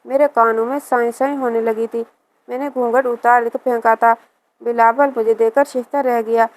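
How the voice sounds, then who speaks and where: A woman narrates a scripted first-person story in a steady, even manner. Her voice sits somewhat high, and she keeps one reading pace throughout. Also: poor audio.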